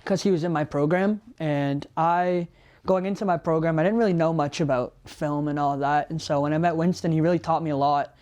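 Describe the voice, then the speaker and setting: A man's voice: on the high side, a little fast, smooth. A young man from Ontario, talking about his housemates in a documentary interview, in a loose way with many fillers. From Ontario, Canada. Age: young adult. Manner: relaxed, talks with many fillers.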